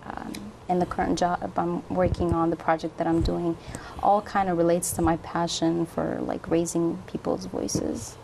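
A young woman from Somalia talks on a lapel mic in a dark studio, her voice sitting fairly low for a woman. She answers questions in a friendly way, laughing often and filling gaps with ums. A faint hiss runs underneath. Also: little pitch movement, moderate pace, vocal fry. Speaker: guest. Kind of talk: casual interview answers. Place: dark television studio, indoors.

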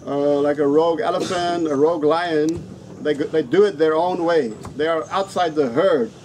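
A middle-aged African man, an English teacher, trainer and vlogger for whom English is a third language, chats casually to camera in an open-sided resto-inn in the Philippines, repeating words for emphasis. His slightly high, somewhat mellow voice moves at normal speed over noisy open-air ambience.

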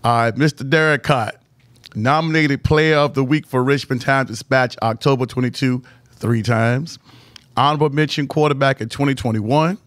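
A laid-back male host runs a casual sports interview in a mid-pitched voice, his words slightly slurred by retainers. He jokes easily between reading long lists of stats. The recording is dry and close, with little room sound. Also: fairly even intonation, moderate pace, fairly bright tone, no room sound. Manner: laid-back, joking, reads stats aloud. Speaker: show host.

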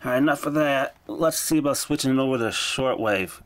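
A video creator shows off a vintage radio in a casual, hands-on demo, talking fairly quickly in a medium-pitched voice. He films with a handheld camera and speaks from behind it. The recording picks up background noise and clicks from handling.

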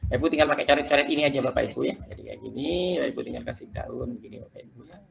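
A man leading a quick, loose tutorial for teachers, talking them through slides step by step. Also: mid-range voice, fairly even intonation, creaky, a crowd in the background. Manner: quick, loose explaining, keeps addressing listeners as "Bapak Ibu". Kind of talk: live screen-share tutorial.

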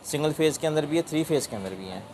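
A man's voice: fairly high pitch, lively intonation, fast, a little mellow, a little hiss or hum. A man with a Pakistani Urdu accent working as a shopkeeper, politely listing his tools and their prices for a vlogger. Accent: Pakistani Punjabi-inflected Urdu. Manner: polite, calls the vlogger "sir ji", lists prices. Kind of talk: sales pitch to a vlogger. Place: tool shop in a market.

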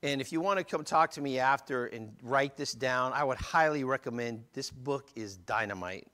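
A male pastor preaching a sermon, moving between quiet, low reading of scripture and loud, emphatic passages, talking loosely and sometimes losing his place. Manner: unscripted, loses his place and asks the congregation.

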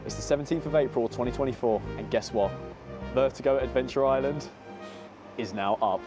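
With music playing in the background, a British man in his twenties presents a theme park update vlog outdoors by a seaside amusement park, speaking at medium pitch and a little fast. He wears a small clip-on mic on his jacket and is filmed at arm's length.

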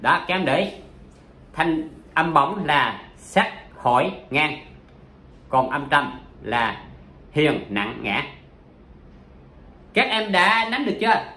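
A man's voice: a little high, very animated, slow, pauses often, pushed and bright, echoey room. A man teaching poetry in a chatty, casual way, full of examples and fillers. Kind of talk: casual spoken lesson.

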